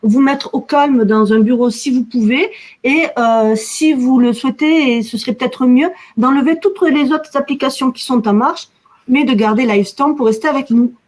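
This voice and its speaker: A woman with a southern French accent from the Midi-Pyrénées introduces and moderates a webinar, speaking in a measured way with frequent fillers. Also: high voice, a little mellow. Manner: measured, with frequent "alors" and "euh". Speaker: webinar moderator, communications officer.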